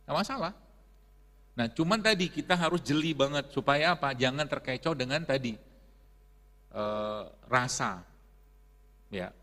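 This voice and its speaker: A man's voice: mid-range voice, a bit bright. A middle-aged man giving a casual religious health talk to an audience, chatty and laughing often. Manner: chatty, laughs often, uses Islamic phrases. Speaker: preacher and health speaker. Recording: long hall reverb.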